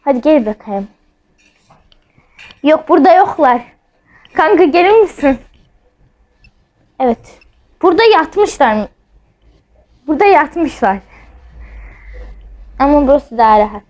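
High-voiced nervous young woman at home. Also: sing-song, unhurried, long pauses, darkish tone, rough recording. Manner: nervous, jumpy, keeps saying she is scared. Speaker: vlogger. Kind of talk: casual vlog, playing a ghost-hunting app. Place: at home, in a house.

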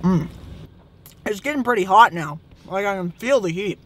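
A man's voice: sits high, animated, normal speed, fairly bright tone. Teenage guy chatting casually in a car. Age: teens. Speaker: food review vlogger. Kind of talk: casual vlog chat. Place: inside a car. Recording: clear car interior and traffic noise.

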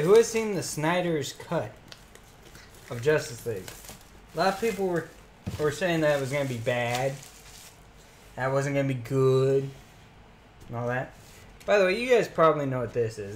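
A man's voice: a little high, expressive, moderate pace, pauses often, a little hiss or hum. A young man streaming live, reading card names aloud as he opens packs and chatting casually with his viewers.

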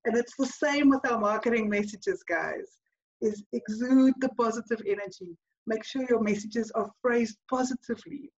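A woman's voice: on the high side, moderate pace, darkish tone, highs cut off. A woman with a South African accent giving an upbeat, encouraging business talk to a networking group, addressing them as "guys". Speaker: networking speaker.

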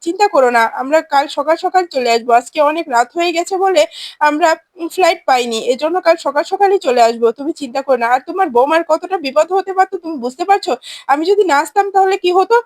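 A woman's voice: very high-pitched, fast talker, no echo, studio quality. A woman voicing a stern young husband. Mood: reassuring. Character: young adult man, a worried, stern husband.

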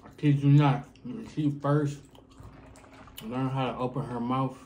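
A young man talks casually as he eats, hosting a family vlog. His phrasing is colloquial and lightly teasing, aimed at a child. There is clear noise behind his voice. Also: mid-range voice, steady tone, a little slow, a little mellow. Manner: eating while talking. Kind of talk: casual chat.

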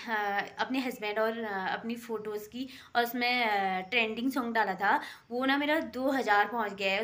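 A woman's voice: on the high side, a bit bright. A young woman from the Indian hills talking casually in a daily vlog while sewing at home, chatty and rambling with many fillers, sometimes earnestly pleading. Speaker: vlogger.

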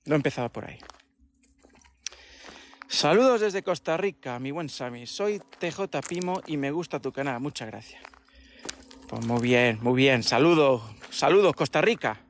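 A man hosting a casual livestream chat, talking in an animated way with rhetorical questions and mocking imitations. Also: on the high side, measured pace, pauses often, slight background noise. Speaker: livestream host.

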